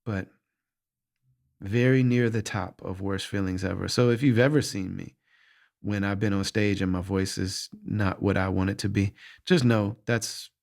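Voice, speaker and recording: In a reflective monologue answering listener questions, a middle-aged podcast host speaks honestly and earnestly about difficult moments, restarting often as he searches for words. His voice is fairly low, creaky and a little mellow, with a steady tone at normal speed.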